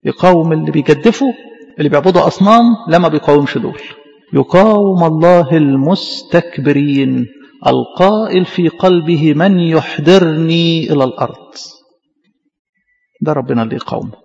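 A man with an Egyptian Arabic accent, a priest preaching a sermon who acts out quoted voices and slows down for scripture. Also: on the high side, gravelly, darkish tone, long reverb tail, muffled recording.

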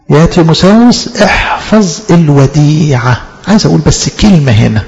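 A man's voice: on the high side, creaky, a little mellow. A man with an Egyptian Arabic accent preaching a sermon, asking rhetorical questions and answering them himself, repeating key phrases for emphasis. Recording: dull lo-fi recording.

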